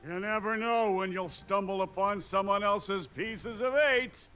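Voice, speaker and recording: A cheeky, salty pirate townsman from a video game. The voice is bright and high, swinging animatedly through wry, theatrical gossip, with music behind. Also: unhurried, clean tone. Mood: wry, helpful. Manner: theatrical, folksy, wry storytelling. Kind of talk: video game character dialogue.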